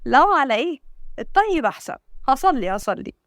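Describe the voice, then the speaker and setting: A woman voicing a gentle, teasing young husband, speaking with an Egyptian Arabic accent. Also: high voice, big pitch swings, quick pace, dry recording, studio quality. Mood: coaxing. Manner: coaxing, playful.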